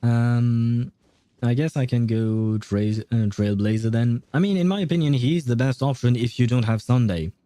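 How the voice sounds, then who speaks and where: In a dry recording, a man with a mellow, mid-range voice chats casually at a moderate pace while hosting a game livestream. He rambles and often loses his train of thought.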